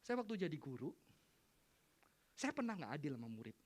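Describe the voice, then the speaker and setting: A man's voice: a little high, fairly quick. A middle-aged male preacher giving a youth sermon, joking, laughing and acting out dialogue as he tells stories. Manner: animated, jokey, acts out dialogue, laughs often.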